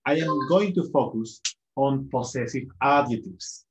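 Slow-paced teacher in an echoey room. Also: male voice, mid-range voice, highs cut off, slight background noise. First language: Spanish. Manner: switches between English and Spanish, says examples slowly. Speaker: English teacher. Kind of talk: bilingual grammar lesson. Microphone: built-in camera mic.

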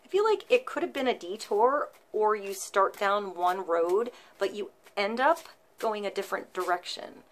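A woman in her thirties gives an intuitive tarot reading to camera, her flow reassuring but peppered with ums and likes. Her medium-pitched voice is animated at a moderate pace. She's seated in a small indoor room before a painted wooden backdrop.

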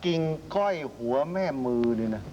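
A man's voice: medium pitch, big pitch swings, moderate pace, a little mellow, in a large hall, lo-fi sound, slight background noise, lightly acted. A man playing a haughty, hot-tempered noble lord. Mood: musing. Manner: coarse, commanding, easily angered. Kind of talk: Thai period radio drama acting.

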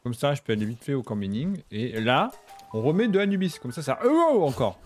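A man streaming a video game, chatting casually with his viewers and breaking into excited exclamations. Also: medium pitch, fairly quick, faint music behind. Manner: chatty, talks to chat and game characters. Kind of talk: casual gameplay commentary.

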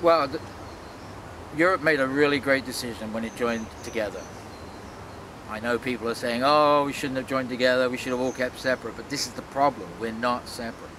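Interviewed about his life as a world traveler, a man in his sixties from London shares reflective stories to camera. His voice is medium-pitched, steady and brisk, heard over noisy outdoor sounds in a leafy city park.

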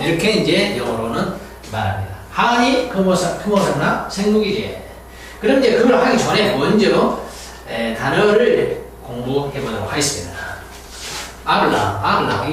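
Animated male teacher in an echoey room. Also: high-pitched. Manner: drills words by repeating them, animated teacherly delivery. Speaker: English teacher. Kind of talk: recorded vocabulary and pronunciation lesson. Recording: very echoey room, distant mic, faint hiss.

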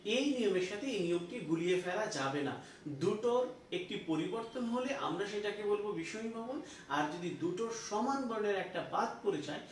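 High-voiced male teacher in an echoey room. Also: distant mic, a little hiss or hum. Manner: explains patiently, repeats examples. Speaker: Bengali grammar teacher. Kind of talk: online grammar lesson.

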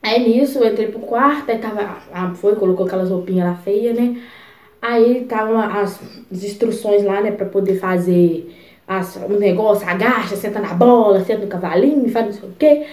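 A young woman vlogger telling a personal story in a chatty, expressive way, full of asides. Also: medium pitch, normal speed, reverberant. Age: young adult. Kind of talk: casual storytelling.

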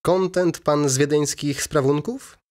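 A man's voice: a little high, a little slow, a little mellow, pitched above the performer's own voice, close to an everyday voice. A man reading an audiobook voices a weary, brooding middle-aged merchant with restrained, terse replies.

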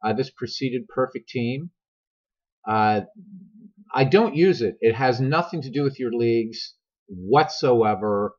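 Husky man with a smoker's rasp. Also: mid-range voice, takes it slowly, a little mellow. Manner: conversational, digressive, addresses viewers directly. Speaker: video game tutorial host. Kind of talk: casual, rambling tutorial narration. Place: voice-over recorded over screen capture. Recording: dull, lo-fi microphone sound.

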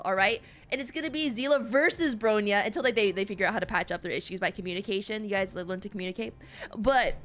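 A woman streaming games talks casually into a close mic, rambling through excitable, giggly live commentary in a medium pitch.

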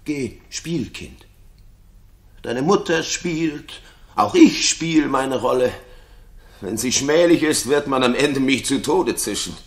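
In a 1960s German radio play, an actor portrays a jealous, paranoid king, brooding theatrically and swinging between mutters and outbursts. His mid-range voice is expressive, slow, and bitter.

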